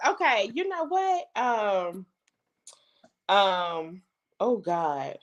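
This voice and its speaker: A woman's voice: medium pitch, expressive, extremely slow, lo-fi sound. A woman with a New Orleans accent, a podcast guest who hesitates and laughs easily in casual chat.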